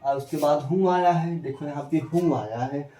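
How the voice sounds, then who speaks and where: A man teaching a spelling lesson in a fairly high, mellow voice. He repeats each step and keeps quizzing his viewers with quick questions. His voice sounds echoey and a little far from the mic. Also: steady tone. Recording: echoey room, voice from a distance.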